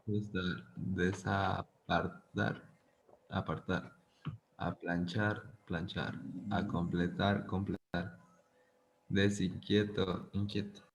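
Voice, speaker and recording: A man's voice: low voice, little pitch movement, drawn-out words, gravelly, slight background noise. An Ecuadorian man, a student, reading a word list aloud hesitantly in class. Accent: Ecuadorian Spanish.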